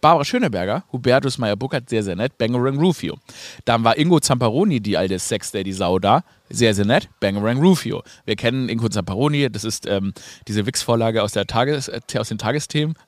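A man's voice: mid-range voice, expressive, brisk, dry recording. Dry-voiced man rambling ironically. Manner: ironic, rambling, with many fillers and asides. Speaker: podcast host and comedian. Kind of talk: casual comedic monologue.

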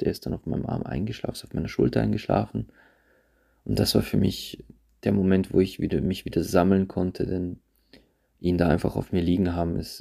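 A man hosting a podcast, talking reflectively to his listeners in a halting way and often repeating himself. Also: low-pitched, vocal fry, warm tone, breathy edge. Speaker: podcast host. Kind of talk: personal monologue to listeners. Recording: handheld phone, voice drifts off-mic at times.

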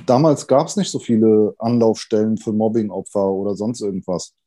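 A man in his thirties, a podcast guest, talking candidly and thoughtfully with many pauses and fillers. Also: fairly low pitch, dark tone. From Germany, Italian family. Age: 30s. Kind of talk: candid conversation.

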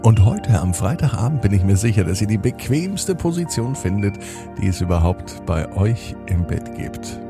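A man gently narrating a bedtime story and talking straight to children. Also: on the low side, sing-song, normal speed, music in the background. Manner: gentle, addresses children directly.

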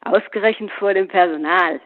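A man's voice: a little high, moderate pace, vocal fry. A sneering, defiant young man, as a male reader puts him on, scornful in every line. The voice comes through a narrow, phone-like band. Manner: scornful, mocking.

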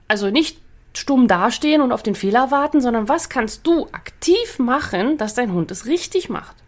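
A woman with a fairly high voice talks through a dog-training podcast episode. She keeps it loose and lively, tossing in quick "right?" check-ins and little laughs as she teaches. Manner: lively, chatty, asks "ja?" often and laughs between points. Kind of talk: casual spoken podcast lesson.

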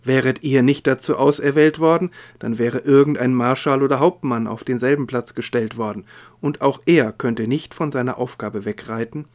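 A man reading the lines of a stern, grave warrior and heir of kings in a calm, measured voice. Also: mid-range voice, natural voice.

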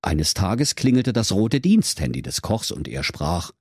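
A storyteller reading a comic fairy tale in a deadpan storybook manner. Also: low voice, measured pace, slightly rough, no echo, studio quality.

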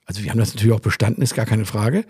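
A man's voice: on the low side, rapid-fire, a little mellow, breathy edge, no echo, studio quality. A man co-hosting a podcast in casual chat, ranting and swearing as he tells a story and acts out what others said. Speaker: podcast co-host.

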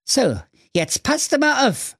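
A theatrical young magician in a comic radio fairy tale. The voice is squeezed very high and swoops widely as he declaims. Dry close sound. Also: very animated, slow, gravelly, a bit bright, breathy edge, dry recording, full character voice. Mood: grand. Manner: theatrical, grand, incantatory.

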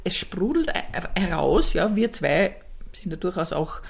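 A woman's voice: fairly low pitch, big pitch swings, unhurried, creaky, slightly rough. A woman with a Viennese accent co-hosting a comedy podcast, bantering playfully and arguing over words. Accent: Austrian, Viennese. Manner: playful, argumentative wordplay. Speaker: podcast co-host, improv comedian. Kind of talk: casual banter.

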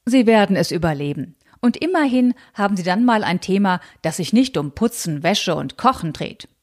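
A woman reading aloud and voicing a determined, free-thinking young woman writer who calmly stands her ground. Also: mid-range voice, normal speed.

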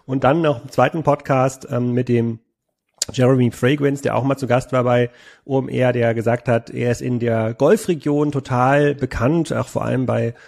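Gravelly-voiced male podcast host. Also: mid-range voice, fairly even intonation, normal speed, a little mellow. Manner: rambling, speeds up through long run-on questions. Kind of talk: conversational interview.

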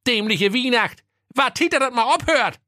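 A grumpy old male miser, scornful and snappish. The voice sits high and sounds sharp and bright. The recording is close and dry, as in a studio audio story. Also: animated, normal speed, no echo. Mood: grumbling scornful.

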